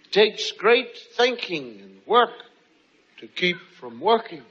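A middle-aged man telling long stand-up stories, slow and drawn-out with sudden loud outbursts. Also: high-pitched, sing-song. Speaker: stand-up comedian. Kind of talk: stand-up storytelling. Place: large theater stage. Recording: live show in a hall, dull sound, audience.

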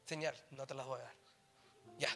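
Middle-aged pastor guy, mixes english in, goes quiet then shouts, high voice. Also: normal speed, faint music behind. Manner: swings from soft asides to loud shouted exhortation; mixes English phrases into Spanish. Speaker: preacher. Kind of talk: sermon.

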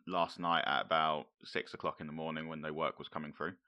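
A man co-hosting a casual podcast, sounding tired and husky after a night shift, easygoing and quick to laugh. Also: extremely low pitch, little pitch movement, highs cut off. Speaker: podcast co-host. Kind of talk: casual chat.

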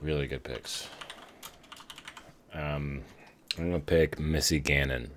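A man's voice: extremely low pitch, fairly even intonation, slow. A man co-hosting a podcast, chatting casually and teasing dryly during a fantasy draft. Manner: dry, teasing. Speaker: podcast co-host.

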